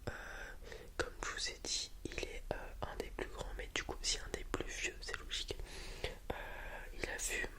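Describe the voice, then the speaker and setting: A soft, breathy whisper carries this hesitant ASMR roleplay, where a person acts as a dragon breeder helping a customer understand things. Lots of pauses and repetition mark the improvised explanation.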